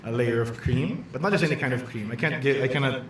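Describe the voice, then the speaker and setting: A talkative man with a Filipino accent chats as a guest chef, laughing often and restarting his sentences as he goes. His voice sits at a middle pitch. The room rings with heavy echo under a faint hum of noise. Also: lively intonation, fast talker. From Philippines. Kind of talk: casual podcast chat. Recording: very echoey room.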